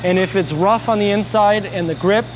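A man with a fairly high voice walks through a factory, explaining each step of production in a plain, steady way. Machine noise hums clearly behind him on the shop floor. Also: moderate pace. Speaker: factory guide explaining brush making. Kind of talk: on-site factory tour explanation.

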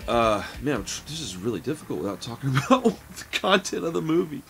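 This horror review comes from a man in his late thirties with a medium-pitched, fairly quick voice and some vocal fry, faint music playing behind. He's easygoing and chatty, tosses in "man" often, and records in a home room full of record and film shelves.

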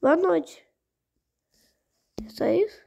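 A woman's voice: extremely high pitch, very slow, vocal fry, darkish tone. A young girl playing a game on her channel, talking to herself as she goes and easily startled. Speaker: gaming channel host. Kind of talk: casual gameplay commentary.

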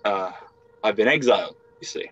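A young man playing a brash, evasive, confused exile caught stealing, halting and excitable, in an amateur video game role-play drama. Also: lowish voice, no room sound. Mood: rueful, determined. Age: young adult. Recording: muffled lo-fi home webcam audio.

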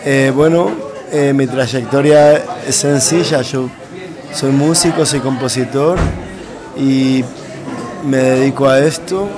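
A man's voice: mid-range voice, fairly even intonation, takes it slowly, crowd noise. A man, a musician interviewed in a small café venue, giving modest, brief answers into a handheld mic. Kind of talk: casual interview.

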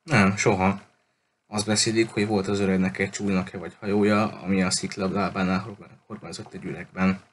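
A man's voice: sits low, level tone, a little hiss or hum, lightly acted. A man reading the part of a red-haired village boy who retells local rumours in a matter-of-fact way.

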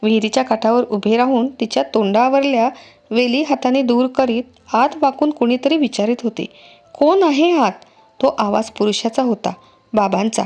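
A woman reading a novel aloud as a first-person storyteller, with an expressive, dramatic delivery. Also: fairly high pitch, normal speed, dull audio. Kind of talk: audiobook narration.

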